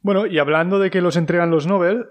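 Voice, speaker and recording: A man's voice: sits high, fairly even intonation, fast. A man from Spain co-hosting a podcast in casual chat, explaining things with hesitant restarts. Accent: Spain Spanish. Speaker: podcast co-host.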